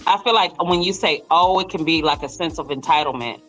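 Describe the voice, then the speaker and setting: A co-host in casual chat, unsure and questioning, trailing off mid-thought. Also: female voice, low-pitched, fairly quick, a bit bright, faint music behind, poor audio.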